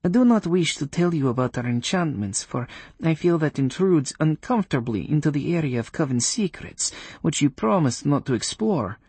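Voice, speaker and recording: A man's voice: a little high, lively intonation, moderate pace, a little mellow, breathy edge, no room sound, pitched above the performer's own voice. A man voicing a haughty, coldly formal woman witch, speaking in a stiff, clipped way. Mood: guarded. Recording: dry close studio sound.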